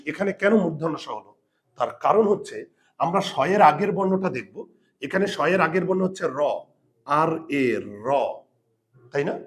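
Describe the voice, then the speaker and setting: Patient male teacher repeating spelling rules. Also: sits high. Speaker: Bengali grammar teacher. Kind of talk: spelling lesson to students.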